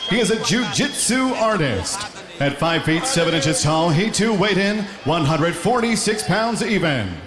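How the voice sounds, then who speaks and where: A booming male ring announcer with a high, swooping voice. He gives formal fight introductions, stretching out names like a showman. The sound echoes through the arena. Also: big pitch swings, measured pace, crowd noise. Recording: echoey arena, music behind.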